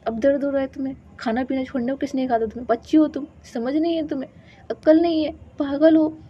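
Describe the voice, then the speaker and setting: A woman's voice: sits high, flat delivery, rapid-fire, slightly rough. Woman voicing a fiery, bossy young woman. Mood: scolding. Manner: scolding, raises voice sharply. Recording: dull lo-fi with faint hiss.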